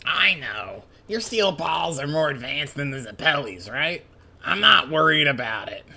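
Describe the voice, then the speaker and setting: Here is a crude, snot-nosed henchman who needles everyone in a gravelly, mocking drawl, as a man puts him on for a comic read-along. His voice is bright, sharp and rough with fry, and it sits a little higher than a plain speaking voice. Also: lively intonation, measured pace, heavily acted. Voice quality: gravelly, coughing. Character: crude, snotty, gloating male henchman, adult. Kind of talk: manga read-along voice acting.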